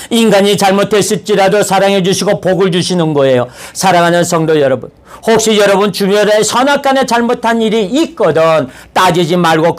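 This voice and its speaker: A male pastor delivers a sermon in an easy, talky manner. His voice is notably high for a man. He slips into the characters of the story as he tells it. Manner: conversational preaching that acts out the story's dialogue.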